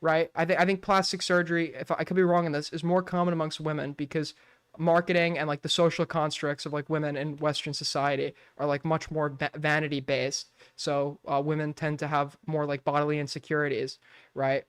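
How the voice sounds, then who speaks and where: Fairly high in pitch, his voice is clear and resonant yet flat in delivery, and he talks briskly in a dry, studio-quality recording. The man, in his twenties, rambles casually on a late-night stream, swearing often and saying "like" again and again.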